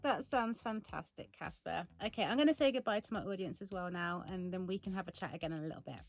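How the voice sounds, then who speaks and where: A woman's voice: on the low side, fast talker, faint music behind. A woman vlogger in casual unboxing chat, giggly and chatty, talking to her toy.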